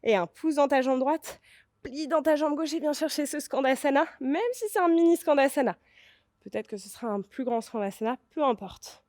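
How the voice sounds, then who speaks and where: A woman's voice: sits high, moderate pace, darkish tone, no echo, clean studio sound. Encouraging French yoga teacher, woman. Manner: encouraging, cueing breath and poses. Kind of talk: guided yoga class.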